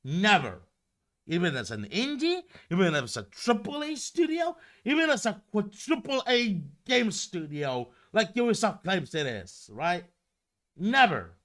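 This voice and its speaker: A man's voice: high-pitched, sing-song, measured pace, fairly bright tone. A man streaming live and ranting heatedly, swearing and repeating himself for emphasis. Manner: profane, repetitive, heated ranting.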